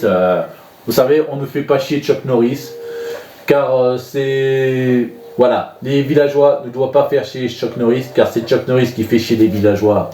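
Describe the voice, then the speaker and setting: A man's voice: medium pitch, mellow, echoey room, a little hiss or hum. A man rambling casually about films from his collection, with many fillers and restarts. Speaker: DVD collection vlogger. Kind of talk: casual spoken film reviews.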